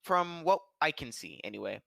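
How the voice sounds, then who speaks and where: A man's voice: fairly high pitch, big pitch swings, normal speed, creaky, bright, forceful tone, no room sound. A man playing a tabletop game, laid-back with short, easy replies. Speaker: player. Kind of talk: casual tabletop play.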